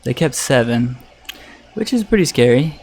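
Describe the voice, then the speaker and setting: A man streams his card game with casual, live commentary. His mid-pitched voice has a lot of vocal fry. He talks conversationally, reasoning out loud as he plays, and an electric fan runs in the background. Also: sing-song, moderate pace. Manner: thinking aloud, conversational. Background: electric fan running.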